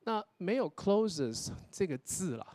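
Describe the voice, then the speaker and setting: Male lecturer, contest judge; high, very expressive voice; patient, explanatory critique. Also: normal speed, no room sound. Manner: explanatory, demonstrates English pronunciation, tags sentences with 哈.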